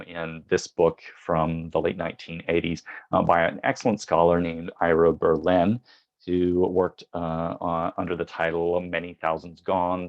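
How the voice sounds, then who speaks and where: A man lecturing on history, speaking in a measured way with frequent ums and uhs. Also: deep voice, gravelly, dull audio. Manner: reads quoted passages from books aloud. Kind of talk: academic lecture.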